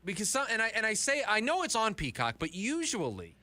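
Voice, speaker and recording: A male sports radio host chatting in the studio, animated and repeating words when he gets emphatic. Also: high-pitched, a little fast. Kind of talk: sports talk radio chat. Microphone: studio mic.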